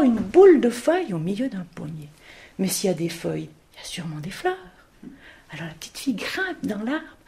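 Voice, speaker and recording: Brief: female oral storyteller, expressive fairy-tale telling, gravelly voice, questions to the listeners. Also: fairly high pitch, slight background noise.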